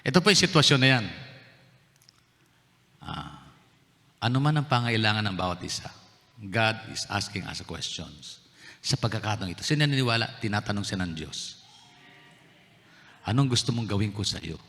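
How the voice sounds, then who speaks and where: A man's voice: lowish voice, lively intonation, fairly quick, long pauses, fairly bright tone. A man from the Philippines preaching a sermon as pastor, mixing English phrases into his talk and putting questions to the congregation. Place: church sanctuary. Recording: long reverb of a church hall.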